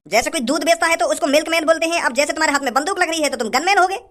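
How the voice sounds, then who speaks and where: A man's voice: extremely high pitch, racing, pushed and bright. A man voicing every character in a comic cartoon, with rowdy, rustic street talk. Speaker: voice actor for all cartoon characters.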